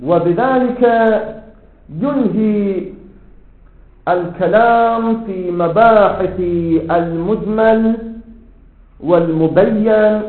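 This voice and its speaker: A man giving a seminary lecture on jurisprudence, explaining terms slowly and deliberately, with a melodic, chanting lilt on some words. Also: high voice. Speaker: teacher of Islamic jurisprudence. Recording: echoey room over a tinny phone-like line.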